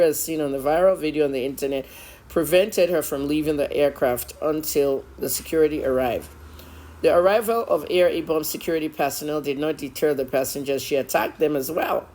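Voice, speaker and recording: A woman's voice: low-pitched, a little mellow. A middle-aged woman with a Nigerian accent giving opinionated news commentary as a journalist, emphatic, blunt and scolding.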